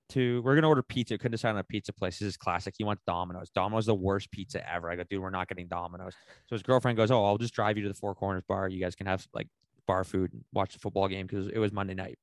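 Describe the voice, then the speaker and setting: A man co-hosting a casual podcast, telling a rambling, animated story full of slang and swearing. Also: low-pitched, no echo. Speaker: podcast co-host.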